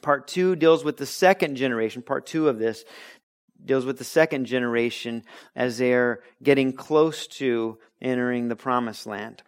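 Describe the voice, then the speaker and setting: A mid-pitched man preaching in a relaxed, conversational way. He teaches through the scripture with energy and often slips into acted-out voices with big jumps in pitch. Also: normal speed, clear, resonant tone. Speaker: preacher teaching a Bible book. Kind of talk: conversational sermon.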